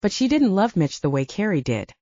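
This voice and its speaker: A woman narrating a romance audiobook with expressive storytelling. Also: mid-range voice, fairly quick, no room sound, dull audio. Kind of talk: scripted narration.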